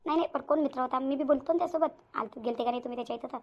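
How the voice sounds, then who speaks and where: A woman voicing a suspicious high-voiced young wife. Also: racing. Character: suspicious young wife grilling her husband. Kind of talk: cartoon voice acting.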